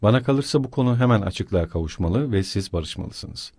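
A man's voice: fairly low pitch, expressive, a little mellow, husky, no room sound. A man reading the lines of a proud young woman, speaking coldly and firmly. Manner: cold, firm, measured.

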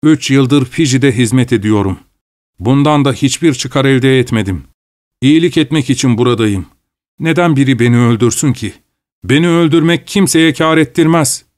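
A man narrating a story voices a calm, steadfast older male missionary who speaks earnestly and prays aloud. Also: mid-range voice, normal speed, lightly acted. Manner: earnest, pleading.

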